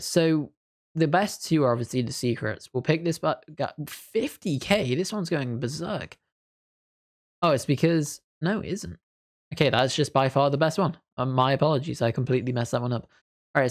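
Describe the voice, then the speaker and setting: A man's voice: medium pitch, animated, moderate pace. Easygoing man narrating his gameplay. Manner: chatty, thinks aloud while playing; mild, understated reactions. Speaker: gaming video creator. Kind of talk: casual gameplay commentary.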